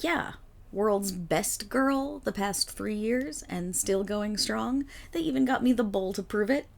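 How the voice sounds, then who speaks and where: A woman voicing an excitable, affectionate dog-eared girl in an ASMR role-play, loud and giggly. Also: medium pitch, measured pace, gravelly. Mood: bubbly.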